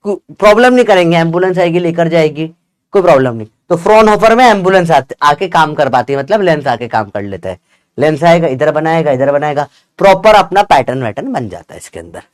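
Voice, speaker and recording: A man's voice: on the high side, animated, a little fast, dry recording. A man teaching a casual lesson, chatty and joking, often checking whether his students follow.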